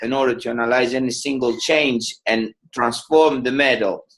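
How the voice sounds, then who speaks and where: Male, medium pitch, halting, webinar participant, spontaneous questioning. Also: fairly even intonation, fairly bright tone. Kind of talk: spontaneous question on a group call.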